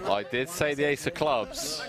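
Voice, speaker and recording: A man co-commentating live poker in an excited, chatty style. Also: medium pitch, measured pace, crowd noise. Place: commentary booth at a casino poker event.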